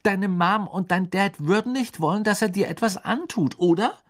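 A man's voice: high-pitched, normal speed, voice pushed up. Man putting on a pleading teenage schoolgirl. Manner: pleading, urgent. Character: clever anxious teenage schoolgirl, bossy. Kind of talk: audiobook character voice.

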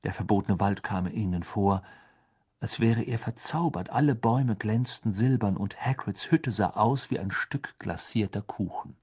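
Husky man reading an audiobook. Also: fairly low pitch. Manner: calm, measured storytelling. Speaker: audiobook reader. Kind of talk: scripted narration.

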